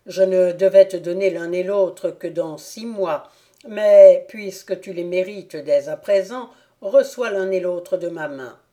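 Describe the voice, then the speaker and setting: A woman's voice: lowish voice, a little slow, warm tone, lightly acted. A woman voicing a solemn old count. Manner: solemn, commanding. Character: stern aristocratic old count, a father. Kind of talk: audiobook character reading.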